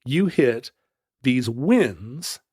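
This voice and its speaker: A man's voice: medium pitch, very animated, very slow, a little mellow, husky, no room sound. A man co-hosting a podcast, telling a history story in a casual, playful way with joking asides. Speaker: podcast co-host.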